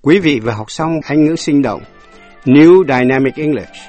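A man, a native Vietnamese speaker, giving a scripted radio English lesson, slowly spelling words out letter by letter. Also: fairly high pitch, a little mellow, faint music behind.

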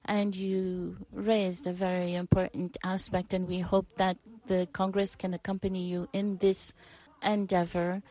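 A woman giving live simultaneous interpretation of a formal speech, pausing and restarting with fillers as she keeps up with the speaker. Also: fairly low pitch, flat delivery, dark tone. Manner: halting, with pauses, fillers and restarts while interpreting.

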